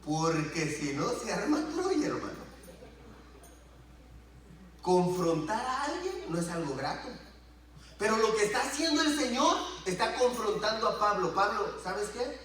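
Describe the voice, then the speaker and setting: High-voiced preaching man in an echoey church. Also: unhurried, pauses often, slight background noise. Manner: animated preaching, acting out dialogue with rising and falling voice. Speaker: pastor. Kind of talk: sermon. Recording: echoey church room, distant mic.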